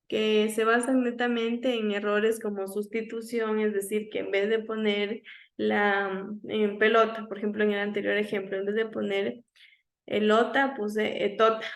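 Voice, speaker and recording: A woman teaching an online class, lecturing and checking in often with her students, sometimes slowly sounding out speech sounds to demonstrate them. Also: medium pitch. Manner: checks in with frequent "¿ya?".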